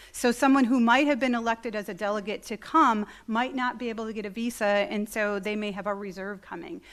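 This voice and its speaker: A middle-aged woman, a church conference delegate, giving an informal talk to a meeting with many ums and restarts. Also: on the high side. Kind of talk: informal presentation. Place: meeting hall.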